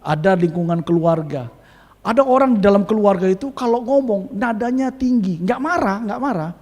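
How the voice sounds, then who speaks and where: A male pastor delivers a sermon in a high voice and keeps it lively. He tosses questions to the congregation and calls for amens. His voice carries a long reverb from a large church hall. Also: normal speed.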